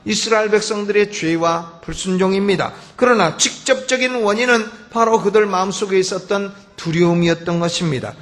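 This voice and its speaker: 높은 목소리의 힘찬 남자 목사. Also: male voice, high voice. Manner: emphatic, storytelling, rhetorical questions. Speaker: pastor. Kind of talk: sermon. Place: church sanctuary. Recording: long church hall reverb.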